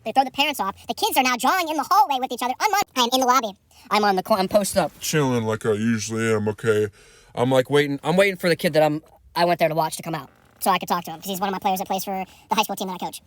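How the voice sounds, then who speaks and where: A hockey coach telling a wild story casually, excitable and animated, tripping over repeated words. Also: male voice, high-pitched, very fast, dry recording.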